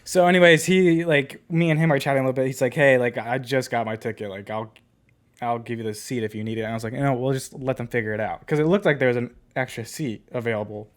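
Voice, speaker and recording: A man's voice: mid-range voice, fast. A man co-hosting a podcast, casually telling a rambling story full of filler words. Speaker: podcast co-host.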